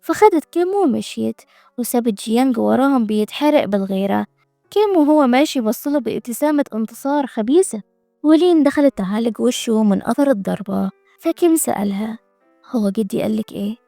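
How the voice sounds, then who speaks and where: A woman with an Egyptian Arabic accent narrating a drama recap in a lively, gossipy storytelling manner. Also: a little high, a little fast, creaky, dry recording, clean studio sound, soft background music.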